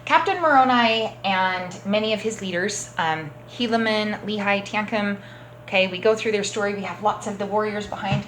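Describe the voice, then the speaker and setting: A woman teaching a children's church class, telling a story gently and often checking in with the kids. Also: medium pitch, normal speed, a little hiss or hum, poor audio. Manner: gentle, encouraging, checks in with "okay?".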